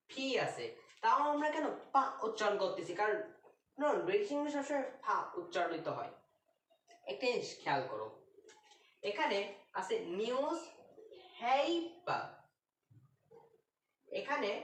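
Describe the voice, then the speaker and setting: A woman teaches pronunciation at a board, her fairly high voice rising and falling a lot as she explains. She talks in a patient, drawn-out way. She is set back from the mic in a roomy space with a faint hiss. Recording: roomy, distant, faint noise.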